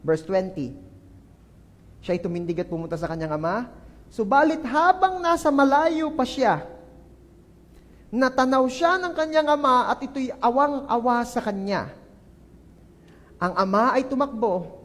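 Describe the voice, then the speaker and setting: A high-pitched man preaching from the pulpit. His delivery is animated and theatrical, acting out the people he describes. The sound carries a long hall echo. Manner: animated preaching, acts out quoted people, mixes English into Tagalog. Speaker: pastor. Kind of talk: sermon. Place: church.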